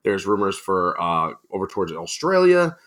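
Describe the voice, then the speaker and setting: A man's voice: sits low, very animated, normal speed, a bit bright. A man talking casually as a guest on a podcast, friendly and chatty with frequent fillers.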